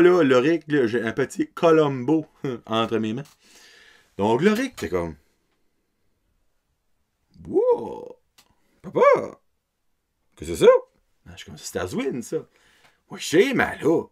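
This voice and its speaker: Acadian guy in his 30s, podcast host, fairly high voice that swings around a lot, chatty and laughing. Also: unhurried. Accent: Acadian French. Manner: animated, laughing, mixes English words into French. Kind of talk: casual storytelling.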